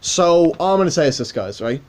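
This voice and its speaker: A man's voice: on the high side, sing-song, a little fast. A young man talking casually about his channel in a rambling, self-correcting way, with swearing. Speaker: YouTube channel creator. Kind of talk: casual vlog monologue.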